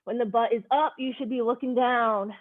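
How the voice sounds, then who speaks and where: A woman's voice: on the high side, steady tone, moderate pace. A woman leading a live online workout class, giving directive, short cues and counts as a fitness instructor. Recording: narrow phone-like sound.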